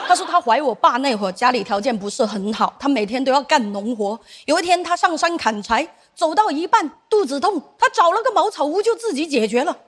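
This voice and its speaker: A young woman performing a stand-up set, telling stories and acting out the lines of the people in them. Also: high voice. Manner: storytelling with acted-out dialogue. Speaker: stand-up comedian.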